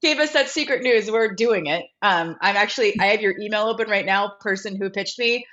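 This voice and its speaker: A woman co-hosting a casual show, excitable and gushing, talking through a cold. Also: mid-range voice, a little fast. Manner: excitable, gushing, says "freaking" a lot. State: has a cold. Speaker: co-host. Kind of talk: casual podcast chat. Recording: dull lo-fi sound.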